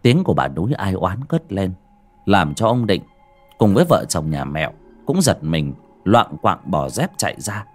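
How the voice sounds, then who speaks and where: A man's voice: low-pitched, sing-song, normal speed. A man narrating a horror story in a dramatic storytelling manner with colloquial asides. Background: faint music.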